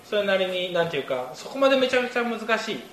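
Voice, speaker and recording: A man's voice: high-pitched, very animated, fast, a bit bright. A man chatting casually as a podcast co-host, his voice slightly muffled through a face mask. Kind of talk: casual chat. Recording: roomy echo, noticeable background noise.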